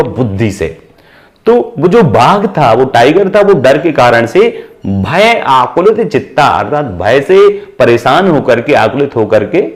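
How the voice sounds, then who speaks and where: Lively-pitched man teaching a lesson. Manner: questions the class and answers himself, repeats words slowly. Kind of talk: Sanskrit lesson explained in Hindi.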